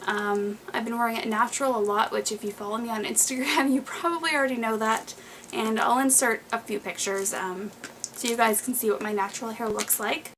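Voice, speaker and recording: A woman's voice: on the high side, fairly even intonation, a little fast, a bit bright, slight background noise, rough recording. Chatty young woman, slightly breathless. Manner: chatty, rambling, lots of fillers and restarts. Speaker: beauty vlogger. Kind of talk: casual monthly favorites vlog.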